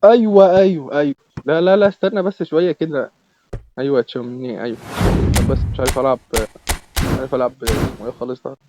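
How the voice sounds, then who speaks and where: A young man with an Egyptian accent commentating his own football video game matches, excitable and repeating words in bursts. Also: medium pitch, very fast, very noisy. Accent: Egyptian Arabic. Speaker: gaming YouTuber. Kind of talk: live gameplay commentary.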